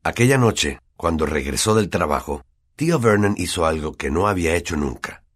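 A male audiobook narrator with a Latin American Spanish accent reads at normal speed in a deep, husky voice. He tells the story expressively, with lively rises and falls, keeping the reading steady and engaging.

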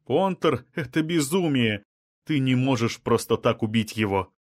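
A man's voice: medium pitch, expressive, measured pace, dry recording, clean studio sound, lightly acted. A male reader voicing an anxious, insistent woman scientist who keeps pressing with questions. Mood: pleading.

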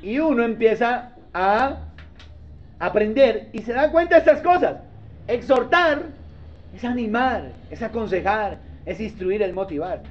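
A male pastor preaches in a high, lively voice that rises and falls a great deal. He talks with his congregation in a conversational way, asks whether they agree, and acts out short exchanges. The sound is dull and lo-fi. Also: measured pace. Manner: acts out little dialogues. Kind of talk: sermon. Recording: dull lo-fi sermon recording.

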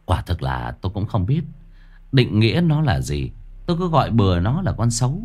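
A man telling a first-person ghost story in a lively, dramatic way. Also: mid-range voice, brisk. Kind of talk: scripted ghost story narration. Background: faint music.

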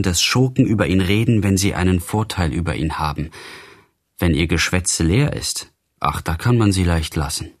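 Male audiobook reader, low husky voice, impassioned first-person narration. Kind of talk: literary audiobook reading.

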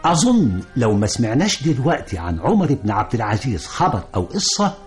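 Actor as an animated Egyptian cafe storyteller. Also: male voice, medium pitch, a little fast, soft background music, natural voice. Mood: genial, storytelling. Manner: courtly, rhyming, addressing listeners as gentlefolk. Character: Abu al-Faraj, genial old-time Arabic cafe storyteller. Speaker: narrator and host. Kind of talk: cafe storyteller narration in rhymed prose.

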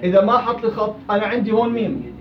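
A man teaching Quran recitation rules, quizzing his students and repeating words slowly. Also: high-pitched, highs cut off, noisy background. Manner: quizzing students, drawn-out slow repetitions. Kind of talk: interactive tajweed class.

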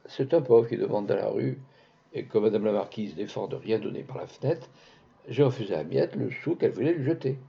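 A man voicing a Breton housemaid, calm and matter-of-fact and quietly stubborn. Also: lowish voice, fairly quick, creaky. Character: calmly stubborn Breton maid, woman. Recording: dull lo-fi recording.

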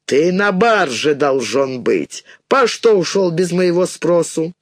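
A man voicing a gruff, cruel male barge owner who talks slowly and with menace, reading in a dry close sound. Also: fairly high pitch, big pitch swings, no room sound, full character voice. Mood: mocking. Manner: rough, slow and threatening.

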